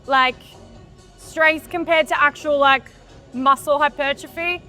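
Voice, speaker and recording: A woman in bodybuilding prep talks casually on the gym floor in a very high, sharply bright voice. She swears freely and cheers her partner through sets. Faint music plays in the background. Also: steady tone, measured pace. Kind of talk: casual gym chat and spotting.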